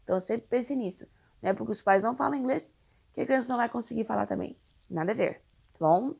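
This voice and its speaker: A woman's voice: on the high side, fast, creaky, a little mellow, breathy edge. A young woman from Brazil, an English teacher for children, explaining in a chatty, reassuring way with frequent tag questions. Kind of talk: casual explainer video.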